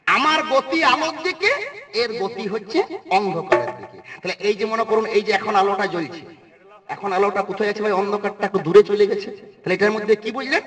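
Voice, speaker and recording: High, forceful male folk performer. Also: expressive, a little fast, reverberant, recorded from a distance. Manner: teasing, preachy, addresses listeners directly. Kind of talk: live folk debate performance to an audience.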